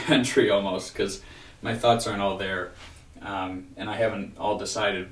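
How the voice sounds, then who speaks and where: A man in his thirties giving a casual, rambling video-diary rant, weary and frustrated, with halting restarts. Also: on the low side. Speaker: vlogger. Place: small home room with bookshelf, indoors. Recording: roomy echo, distant microphone.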